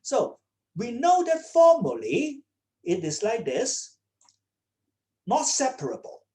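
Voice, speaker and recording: Slow-spoken woman lecturing with many "okay?"s. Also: on the high side, huge pitch swings, warm tone. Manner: checks in with students often, repeating "okay?". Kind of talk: online lecture. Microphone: computer mic on a video call.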